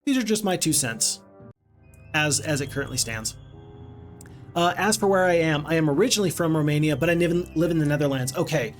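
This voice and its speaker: Soft music plays in the background as a man with a somewhat high voice speaks a bit quickly. Streaming a strategy game, he chats casually and rambles to his audience, reading out what viewers write in chat.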